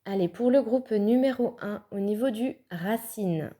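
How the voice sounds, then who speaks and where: A woman's voice: mid-range voice, a little slow, mellow. A woman giving a casual, chatty tarot card reading, thinking aloud with fillers and little laughs. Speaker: tarot reader.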